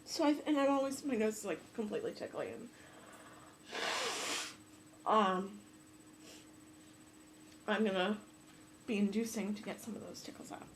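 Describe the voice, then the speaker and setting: A woman's voice: medium pitch, animated, normal speed, long pauses, a little hiss or hum. A young woman with a stuffy nose, chatting casually and apologetically to her viewers from home, with lots of fillers. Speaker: vlogger. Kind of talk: casual talk to camera. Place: home room, off camera.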